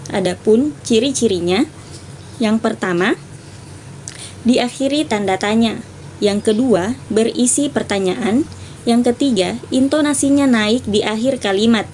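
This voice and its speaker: A woman's voice: on the high side, a little hiss or hum. Young woman reading class notes. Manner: steady listing of points, clears throat. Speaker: student presenter.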